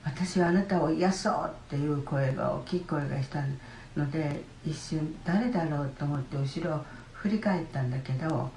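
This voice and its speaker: An older woman, giving a halting personal testimony in church with many pauses. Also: sits low, warm tone, a little hiss or hum. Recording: roomy church hall.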